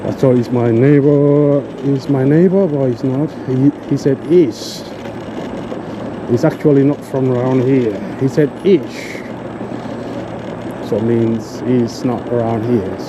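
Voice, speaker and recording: A man's voice: mid-range voice, takes it slowly, background noise. A man chatting casually to his viewers as a vlogger while out riding a scooter outdoors. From Africa. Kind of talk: casual vlog chat to viewers.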